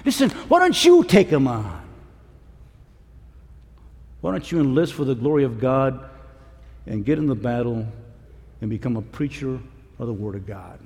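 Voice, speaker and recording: A man preaching a conference sermon, swinging between shouts and hushed pleading. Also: mid-range voice, very animated, moderate pace, long pauses. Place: conference hall. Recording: large hall with long reverb.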